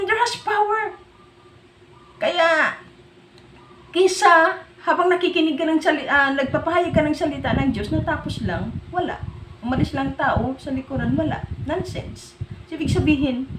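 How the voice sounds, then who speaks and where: A woman's voice: sits high, roomy sound, slight background noise. A woman pastor giving an earnest sermon, mixing in English phrases.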